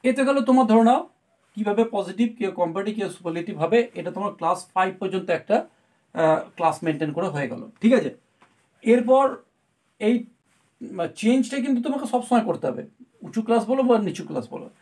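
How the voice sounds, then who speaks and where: A woman as a patient grammar teacher explains step by step and keeps asking her students whether they follow. Her voice sits at a middle pitch and her talk is unhurried and clear. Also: expressive, a little mellow. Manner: explains patiently, often checks with "right?".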